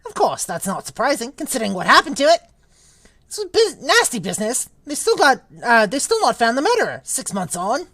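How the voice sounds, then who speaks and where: A woman's voice: fairly high pitch, wildly swooping pitch, brisk, a bit bright, full character voice. A woman voicing a fussy, gossiping male spirit shopkeeper who fawns and trails off as he talks. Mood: gossipy. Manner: gossipy, fawning, hesitant. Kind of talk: reading a novel aloud.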